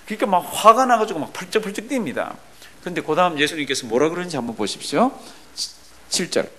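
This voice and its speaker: A man's voice: high-pitched, fast, slightly rough. A man preaching a sermon in Korean to his congregation, asking them questions and leading them in reading aloud together. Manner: animated, asks the congregation questions, leads group readings. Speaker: pastor.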